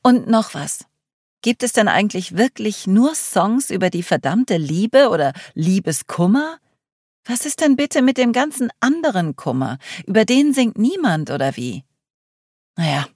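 A woman's voice: low-pitched, animated, measured pace, long pauses, dry recording, studio quality, exaggerated voice. A woman reading the part of a blunt, gloomy young woman who keeps to herself, with a sarcastic, grumbling manner.

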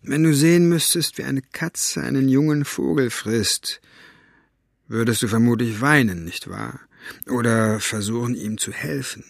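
Man voicing a scarred wary stranger, hushed and low, insinuating, dry close storybook sound. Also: unhurried, gravelly, no room sound. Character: scarred wary grown man, secretive and sinister.

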